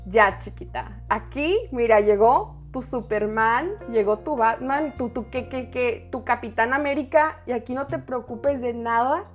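A woman's voice: fairly high pitch, a little slow, hardly any pauses, soft background music, close to an everyday voice. A woman mimicking a smug boyfriend fixer. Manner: smug, patronizing, soothing. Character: cocky male boyfriend, self-styled superhero fixer.

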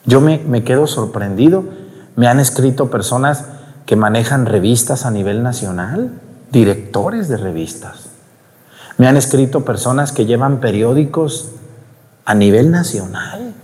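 A priest with a Mexican accent preaching a homily at Mass, talkative and scolding, firing rhetorical questions at the congregation. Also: male voice, medium pitch, lively intonation, a little slow, darkish tone. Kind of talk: Sunday-style homily at Mass. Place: church during Mass. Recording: long church reverb.

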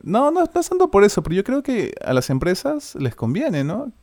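A man's voice: high-pitched, huge pitch swings, moderate pace, darkish tone, no echo, clean studio sound. Easygoing Peruvian man in his forties. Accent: Peruvian Spanish. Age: 40s. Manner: easygoing, rambling, tags lines with "¿no?". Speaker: voice-over announcer. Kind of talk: casual chat.

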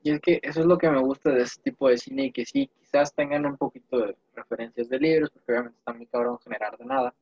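In a casual chat, a young man from Mexico tells digressive, lively stories full of slang. He speaks at medium pitch, quickly and with few pauses, with a breathy edge; the recording is dry, lo-fi, and slightly dull.

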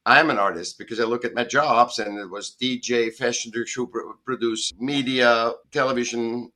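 Speaking at a normal speed in a medium-pitched, steady voice that comes across pushed and bright, this middle-aged man from Austria is a guest artist on a video call. At home in Southern California, he chats casually for an interview, rambling, emphatic and frequently self-correcting.

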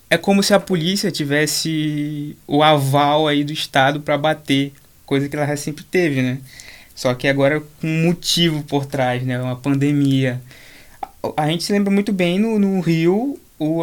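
A man's voice: fairly high pitch, clean tone. Young man. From Manaus, Brazil. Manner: thoughtful, frequent restarts and tag questions. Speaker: guest, creator of a page about funk. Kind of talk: casual interview talk.

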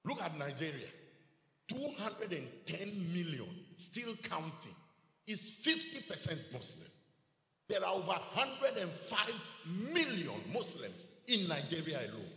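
A man's voice: sits high, big pitch swings, a little slow, creaky, sharp tone. A man preaching a sermon, emphatic, with rhetorical questions and repeated key words. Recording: echoey hall reverb.

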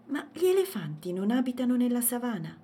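Woman voicing a curious small girl for a storybook, high and animated. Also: fairly quick, slight background noise. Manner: curious, amazed. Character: curious, wide-eyed little girl.

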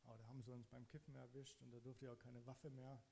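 A man's voice: medium pitch, flat delivery, quick pace, creaky, warm tone. A man from eastern Saxony telling his own conversion story in plain, slangy, conversational speech. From eastern Saxony, Germany. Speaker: guest sharing a conversion testimony. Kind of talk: candid personal storytelling.

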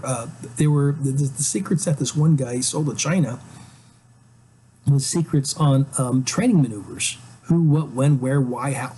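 A man's voice: mid-range voice, dark tone, slight background noise, rough recording. A man hosting a solo commentary show, rambling through opinions with many fillers and restarts and a sarcastic, scoffing tone. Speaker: podcast host.

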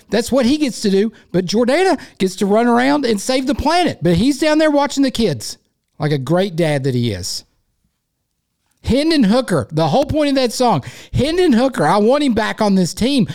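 A man's voice: high-pitched, very animated, moderate pace, a little mellow. A man hosting a sports podcast solo, giving casual, opinionated commentary in an informal, rambling way with emphatic repetition.

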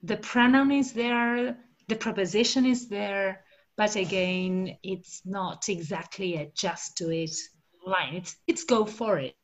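At a measured pace and medium pitch, an Argentine translator whose native language is Spanish converses casually about her research and translation. Her speech is hesitant, marked by many fillers and restarts.

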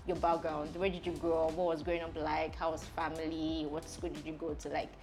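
A woman hosting a podcast interview, chatty and quick to laugh. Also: deep voice, level tone, a little mellow, soft background music. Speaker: podcast host. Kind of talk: casual interview.

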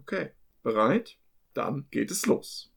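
A man's voice: medium pitch, very animated, takes it slowly, gravelly, loud music behind the voice. A man hosting a podcast in German, talking earnestly and with feeling about a serious subject. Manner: earnest, impassioned. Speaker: podcast host. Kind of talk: hosted podcast talk.

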